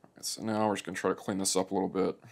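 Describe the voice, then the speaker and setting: He speaks low and level, racing along with a touch of vocal fry. It's a motorcycle repair demonstrator in an indoor workshop, casually and plainly walking through a plastic welding job while his hands stay busy.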